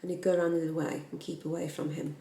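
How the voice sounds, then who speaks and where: A woman telling a true crime story in a blunt, animated, casual way, swearing freely. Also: fairly low pitch, racing, vocal fry. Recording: roomy echo.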